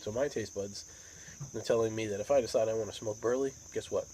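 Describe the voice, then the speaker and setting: American male hobby vlogger, lowish voice, unhurried rambling chat, crickets and outdoor noise behind. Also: fairly even intonation, mellow, rough recording. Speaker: pipe tobacco vlogger. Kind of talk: casual rambling monologue.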